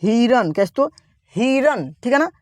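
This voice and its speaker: A man teaching an online reading lesson slowly, spelling out each word, repeating it and asking viewers to say it back. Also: high-pitched, animated, dry recording.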